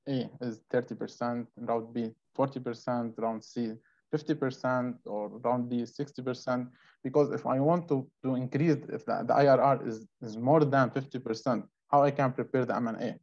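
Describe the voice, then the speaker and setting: A man's voice: mid-range voice, a little mellow. A man from Syria asking a hesitant question over a video call, repeating words as he goes. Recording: muffled video call audio.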